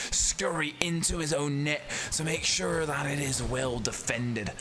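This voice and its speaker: Guy doing a slow breathy nature documentary narrator for game commentary, hushed and dramatic, noticeable noise behind. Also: medium pitch, lightly acted. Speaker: gameplay commentator.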